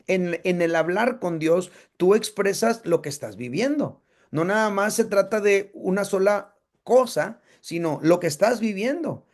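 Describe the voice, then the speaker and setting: A man's voice: high-pitched, lively intonation, a little slow. A man teaching a casual Bible class, talking conversationally and checking in with his listeners.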